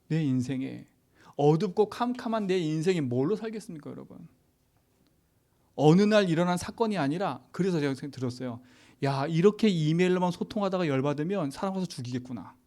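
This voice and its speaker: A middle-aged man, a pastor, preaching a sermon in an animated, conversational way and putting rhetorical questions to the congregation. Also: fairly high pitch.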